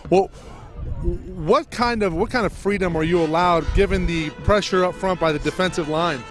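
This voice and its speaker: Man, high voice, sideline reporter, emphatic post-game interviewing, outdoor field. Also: steady tone, fairly quick, soft background music.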